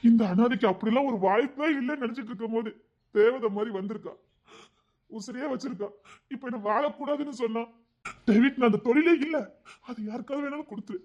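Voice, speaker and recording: A man with a Tirunelveli Tamil accent voicing a tender, pleading gang king who longs for family life in an audio story. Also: very high voice. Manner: soft, pleading, heartfelt. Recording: dull lo-fi recording.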